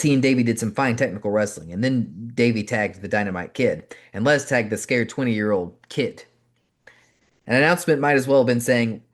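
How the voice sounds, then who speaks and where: A man, the host, reading a memoir aloud as an audiobook, narrating in an animated first-person storytelling style. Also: mid-range voice.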